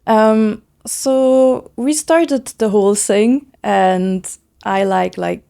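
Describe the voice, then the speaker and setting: A woman in her thirties from Switzerland, chatting in an interview as a founder, eager and quick with lots of casual fillers. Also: mid-range voice, steady tone, gravelly, mellow. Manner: fast, enthusiastic, many "like" fillers. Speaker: guest, brand founder.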